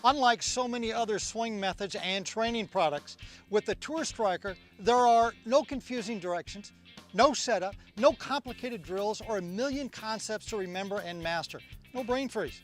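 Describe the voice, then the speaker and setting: A man's voice: sits high, moderate pace, faint music behind. A man hosting a product infomercial, talking up what he sells. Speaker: infomercial host.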